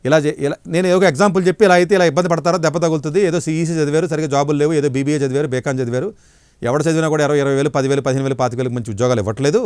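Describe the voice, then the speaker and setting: Rapid-fire blunt man lecturing. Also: on the high side, darkish tone, smooth, dry recording. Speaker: education counselor. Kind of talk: interview answer.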